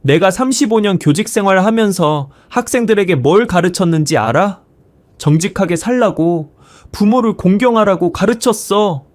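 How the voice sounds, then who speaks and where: A man voicing a furious elderly grandfather, a retired teacher who shouts and scolds. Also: mid-range voice, lively intonation, normal speed, dry recording, natural voice. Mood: enraged.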